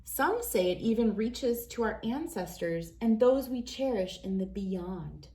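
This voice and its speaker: In a slightly high voice, a woman reads a picture book for children aloud, acting as host and shaping each line with expressive, deliberate storytelling.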